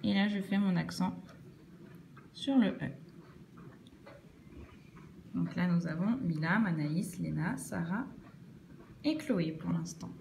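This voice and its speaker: Woman, teacher, patient step-by-step handwriting lesson for children, mellow tone, faint background hiss. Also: lowish voice, gravelly. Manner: slow, patient step-by-step explaining.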